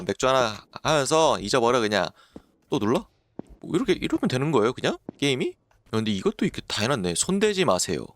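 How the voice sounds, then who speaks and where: A man's voice: mid-range voice, fairly bright tone, dry recording. A man streaming a horror game, jumpy and talking to himself and the screen, reading the game text aloud. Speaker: gaming streamer. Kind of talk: horror game let's-play commentary.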